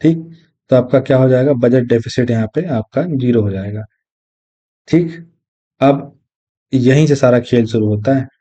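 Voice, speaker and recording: A man teaching an exam lesson, explaining step by step and repeating key terms, reading definitions slowly. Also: mid-range voice, dark tone. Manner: reads English definitions slowly. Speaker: exam tutor. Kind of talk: recorded lecture. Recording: dull lo-fi audio.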